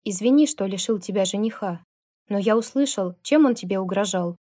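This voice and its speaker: A woman's voice: mid-range voice, a little fast, warm tone, lightly acted. A woman reading a storybook, voicing a big, protective older biker who barks and growls his words. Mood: gruff. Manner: gruff, barking.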